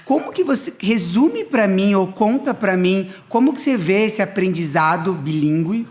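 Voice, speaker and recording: A middle-aged man, an academic director, hosts a school podcast in the form of a talk show, a conversational interview where he builds his points step by step. His voice sits high and is expressive, a little mellow, at a moderate pace.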